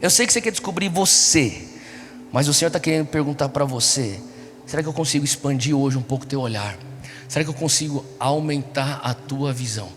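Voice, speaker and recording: Over music in an echoey large hall, a Brazilian preacher urges a young congregation on with rhetorical questions he keeps repeating. He speaks at medium pitch, fairly quickly, and sounds a bit bright.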